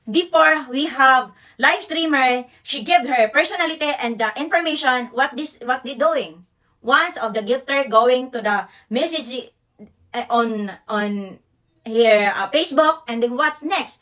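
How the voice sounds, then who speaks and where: A woman with a Filipino accent rants at her livestream audience in broken English. Her voice sits a little high, and she keeps restarting sentences as she defends herself indignantly. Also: unhurried, bright, forceful tone, rough recording. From Philippines. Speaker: live streamer running a charity stream.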